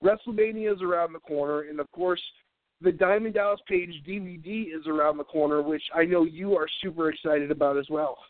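A man's voice: a little high, fairly quick, no room sound. An American man with a congested, stuffy nose hosting a casual radio show, rambling and stammering in a jokey way. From New Hampshire, United States. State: congested, breathing through mouth. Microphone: thin mic curled close to face. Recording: thin phone-like line.

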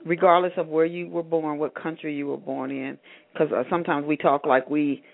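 An enthusiastic male radio host with a fairly high voice asks long questions and stammers a little. The audio is tinny and narrow, like a phone line. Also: flat delivery, fairly quick, gravelly. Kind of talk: interview hosting.

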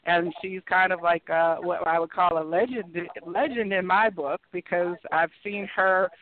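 A woman's voice: fairly low pitch, steady tone, unhurried. A woman hosting a call-in psychic talk show in a chatty, upbeat way. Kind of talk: casual radio-show hosting. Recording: dry, tinny phone line.

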